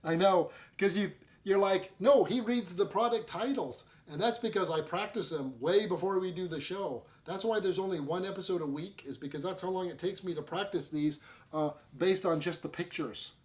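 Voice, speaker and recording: A man's voice: sits high, moderate pace. A man hosting a casual comedy food review show, joking at his own expense and rambling with fillers. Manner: self-mocking, jokey, rambling with fillers. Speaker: host.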